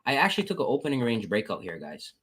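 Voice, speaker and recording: A man's voice: huge pitch swings, fast talker, a bit bright, a little hiss or hum. Casual man walking through trades. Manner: casual, repeats "guys" and "boom", thanks chat members. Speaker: trading educator. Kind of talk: screen-share trade recap.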